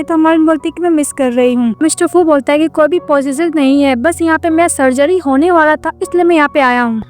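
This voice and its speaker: A woman narrating a drama plot in a loose, conversational way. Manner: fast, high-pitched, loose conversational narration.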